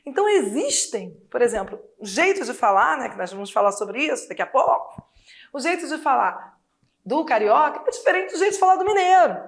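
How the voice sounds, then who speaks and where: Speaking a little fast in a voice that sits high, this Portuguese teacher has a Brazilian Portuguese accent. She keeps her exam-prep lesson chatty and lively, tossing out one rhetorical question after another.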